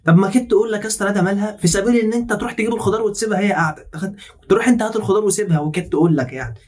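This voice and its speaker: A man's voice: sits high, very fast, slightly rough. A man with an Egyptian accent giving teasing, sarcastic commentary on a short comedy film. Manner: mocking, teasing. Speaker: reaction video host.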